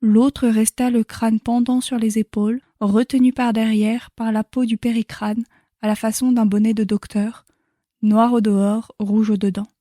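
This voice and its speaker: A woman reading a classic novel chapter as an audiobook narrator in a measured, clear way. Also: on the high side, little pitch movement, mellow, no echo, clean studio sound.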